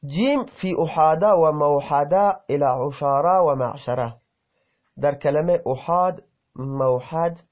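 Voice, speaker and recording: A man with a slightly high voice teaches an Arabic grammar lesson, reading out example sentences and then explaining them. He sometimes stops mid-word and corrects himself. The recording is dull and lo-fi.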